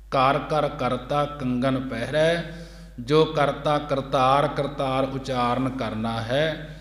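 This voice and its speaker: A man preaching in a gurdwara hall, chanting scripture lines and then explaining them slowly, repeating each line. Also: medium pitch, fairly bright tone. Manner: slow, measured, repeats each line twice. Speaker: Sikh preacher. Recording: echoey hall with long reverb.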